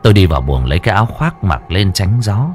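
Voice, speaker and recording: Low-voiced man narrating a ghost story. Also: sing-song, fast talker, a little mellow. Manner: dramatic, tense storytelling with wide swings in pitch. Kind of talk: scripted horror story narration. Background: faint background music.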